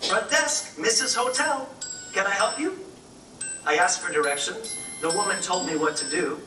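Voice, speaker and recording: A man narrating a rhyming story in a wry manner. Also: sits high. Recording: echoey room, distant mic, music behind.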